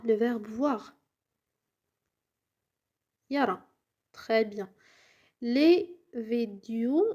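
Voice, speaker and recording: Teaching French informally, this woman explains in Arabic and frequently makes sure the listener is keeping up, staying patient and encouraging. Her voice is fairly high and darkish, and at times she whispers to demonstrate pronunciation.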